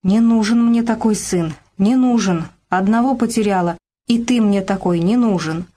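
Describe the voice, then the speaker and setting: A woman's voice: mid-range voice, a little slow, a little mellow, lightly acted. An exhausted working mother scolds in a hissing, clipped voice, as a woman narrator plays her. She is bitter and worn down, a figure from a gritty audiobook drama. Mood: tearful. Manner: hissing through teeth, tearful.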